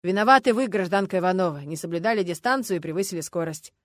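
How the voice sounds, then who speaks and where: A woman's voice: on the low side, expressive, quick pace, no echo, natural voice. A woman reading the lines of a dry, weary male traffic police lieutenant in an audiobook, matter-of-fact and official. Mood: stern.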